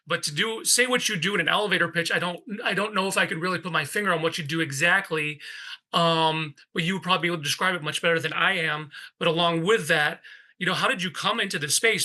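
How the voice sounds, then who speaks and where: Bright-voiced rambling male host. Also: a little high. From United States. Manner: warm, rambling, hesitant with fillers. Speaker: podcast host. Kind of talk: podcast interview. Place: in a car.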